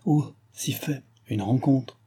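A man's voice: mid-range voice, slow, mellow, slightly rough, voice pushed up. A man voicing a scheming noble countess who speaks with false, honeyed politeness. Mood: probing.

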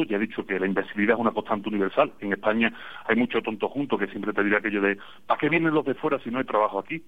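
Andalusian man on a tinny phone line. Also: medium pitch. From Spain. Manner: chatty, digressive storyteller with wry humor. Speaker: radio guest calling in from abroad. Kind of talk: casual radio chat.

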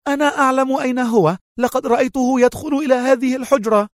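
A man putting on a shrill, indignant woman. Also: fast, no echo, studio quality. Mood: outraged. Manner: shrill, scolding, haughty. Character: indignant American woman feigning outrage.

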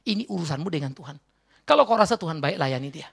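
A man pastor preaching a sermon, emphatic, swinging between soft asides and loud exhortation. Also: fairly high pitch, lively intonation, fast, vocal fry, slightly rough.

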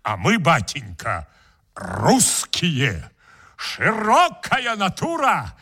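A man's voice: fairly high pitch, huge pitch swings, extremely slow, creaky, pushed and bright, slightly rough, heavily acted. A man doing a greedy, cackling dinner guest. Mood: gloating. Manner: boisterous, laughing, gloating. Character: greedy jolly male dinner guest, pushy. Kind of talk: humorous story reading.

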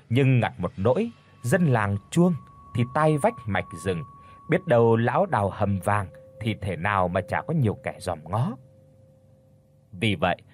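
A man narrating a dramatic story for an audiobook in an expressive storytelling manner. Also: on the low side, a little hiss or hum. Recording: faint background music.

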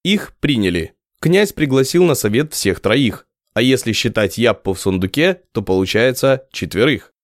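A man narrating an audiobook in a lively storytelling manner. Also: mid-range voice, moderate pace, no room sound, studio quality. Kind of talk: scripted narration.

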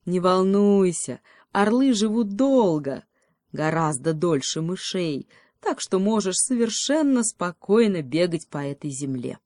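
A proud, majestic storybook eagle speaks down from on high, voiced by a woman. His tone is lofty and commanding, warm and mellow, unhurried. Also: animated, dry recording, studio quality. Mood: soothing. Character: grand, proud male eagle, boastful protector.

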